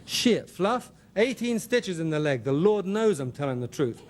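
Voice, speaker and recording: A loud, boastful redneck spinning a barroom tale and swearing it is true, acted by a man reading his memoir. The voice leaps up high and lively. It sounds like an audiobook reading. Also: normal speed. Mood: insistent. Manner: boisterous, insistent.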